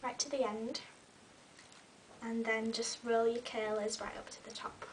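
With a cold making her fairly high voice a bit croaky, a young beauty vlogger curls her hair and chats casually, her delivery flat and a little slow, with many ums. She sits back from her webcam in a small bedroom decorated with fairy lights. The sound is a touch distant, with a faint hiss underneath.

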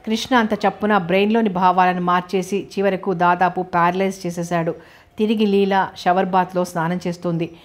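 A woman narrating a novel as an audiobook and reading every character's lines herself in an even storytelling voice. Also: on the low side, a little fast.

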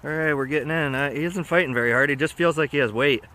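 Fishing from shore on a riverbank, a male vlogger chats with excitement, tossing out slangy exclamations to himself and a companion. His voice is on the high side, fast, bright, and forceful. It's captured on a body-worn action camera outdoors, with clear background noise.

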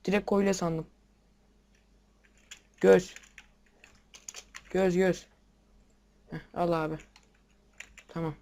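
A young man giving casual game commentary, excitable, swearing at the game and talking to his viewers. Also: high-pitched, very slow, gravelly, long pauses. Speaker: gameplay video maker. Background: keyboard and mouse clicks.

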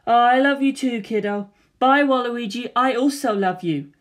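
Loving, chatty mother, higher-pitched as a reader plays her. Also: normal speed, close to an everyday voice. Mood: affectionate. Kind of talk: comic screenplay read-aloud.

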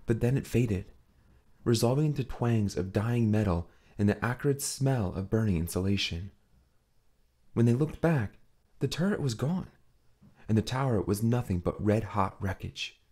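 A man narrating an audiobook with a steady, dramatic reading. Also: fairly low pitch, normal speed, slightly rough. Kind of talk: scripted narration.

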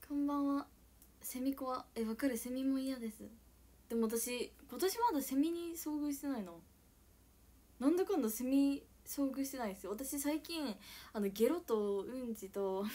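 A young woman from Okayama, Japan, chats casually on a live stream in an Okayama Japanese accent, reading out comments. Her slightly high voice swings between squealing shouts, giggles and soft whispers.

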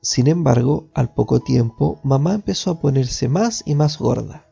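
A man reading a storybook aloud in the first person of a child, gently and warmly. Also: medium pitch, expressive, normal speed, vocal fry, husky. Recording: dull lo-fi with faint music.

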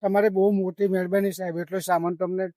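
An older man speaks in a high, tearful voice. He pleads and weeps through the interview, and the sound is dry and close. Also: flat delivery, fast, warm tone, no room sound. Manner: tearful, pleading, breaks into comic newspaper patter. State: crying. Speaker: former comedian and magician, now homeless. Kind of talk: emotional interview. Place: outdoors.

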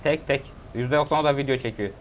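A young man casting his own mobile shooter match, calling out enemies quickly and breaking into shouts and laughs in bursts. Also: mid-range voice, very noisy. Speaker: gaming YouTuber. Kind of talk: excited gameplay commentary.

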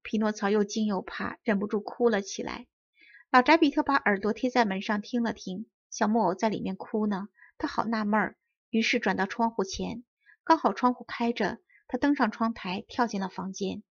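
Clear-voiced woman reading a children's tale. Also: medium pitch, moderate pace, dry recording, lo-fi sound. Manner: clear, well-enunciated. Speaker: storybook reader. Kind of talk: expressive children's story narration.

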